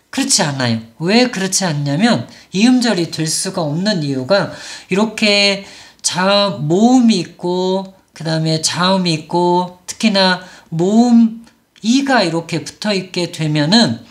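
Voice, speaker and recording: A woman teaching English pronunciation, explaining patiently and modelling each word slowly, several times over. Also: lowish voice. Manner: patient, models words slowly and repeats them. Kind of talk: explanatory lesson.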